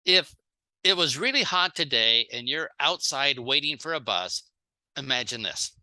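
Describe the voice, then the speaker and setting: Very bright and animated, this seminar speaker keeps a mid-range voice at a measured pace. The sales training talk is plain-spoken, punctuated by acted-out short example dialogues, and paused phrase by phrase for an interpreter.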